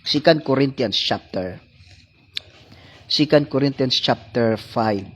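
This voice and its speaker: A preacher with a Filipino accent delivers a sermon at an unhurried, deliberate pace. The voice is husky, and key lines are repeated over and over for emphasis. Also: medium pitch. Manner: repeats phrases for emphasis, calls out listeners; mixes English with Tagalog and Cebuano.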